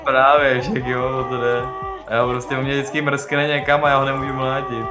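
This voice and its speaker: A young man chatting casually while playing a game with a friend, often getting excited and yelling at the monsters. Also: mid-range voice. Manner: excitable, yells and laughs at game mobs. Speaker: gamer. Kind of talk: casual gaming chat. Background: game music.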